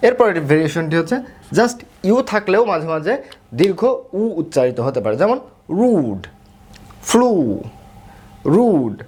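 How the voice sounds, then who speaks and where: A man's voice: on the high side, big pitch swings, darkish tone. Bangladeshi guy teaching pronunciation, says every word twice, voice jumps up and down a lot. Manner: drills example words slowly, repeating each one with emphasis. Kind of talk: pronunciation lesson.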